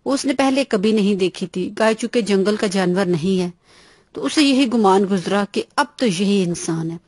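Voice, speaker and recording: A woman narrating a children's bedtime story in a plain, even-paced reading voice. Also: mid-range voice, dry recording, clean studio sound.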